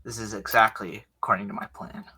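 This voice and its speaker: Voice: medium pitch, little pitch movement, fairly quick, bright, forceful tone, a little hiss or hum. A player in an online tabletop game, joking dryly. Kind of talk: casual play over a video call.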